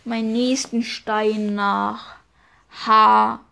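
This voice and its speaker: A woman's voice: medium pitch, little pitch movement, extremely slow, vocal fry, sharp tone. A woman calling out moves in a casual board game, hesitant and humming while she thinks. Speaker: player recording a board game.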